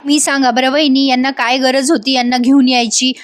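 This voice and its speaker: Woman playing a rustic village wife from a soap retelling: gossipy, flattering, country speech, high pitch. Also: fairly quick, close to an everyday voice.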